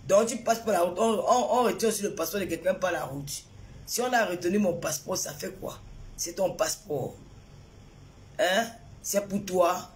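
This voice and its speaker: A woman's voice: lowish voice, moderate pace, a little mellow. A woman from Cameroon, talking on a phone live stream to her followers, greeting viewers by name and firing off indignant rhetorical questions. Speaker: social media personality.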